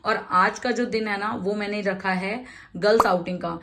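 A woman in her thirties chats casually to the phone she holds in her hand, vlogging first at home and then in a street market. Her voice is medium-pitched, steady and a bit bright, at a normal speed. She speaks Hindi mixed with English words and says "yaar" often.

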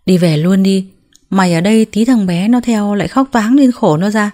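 A woman voicing a harsh, domineering older mother-in-law who talks loud and scolding, with a mellow tone. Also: mid-range voice, normal speed, lightly acted. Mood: dismissive.

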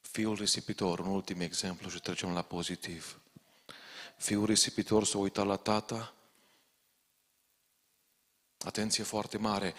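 Deep-voiced preacher. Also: male voice, a bit bright. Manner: urgent, direct warnings to the congregation. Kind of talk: sermon. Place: large church hall. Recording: long reverb of a church hall.

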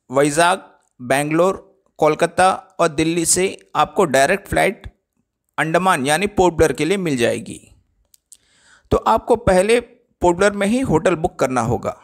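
High-voiced man narrating a travel vlog. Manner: explanatory, addresses viewers directly. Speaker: travel vlogger.

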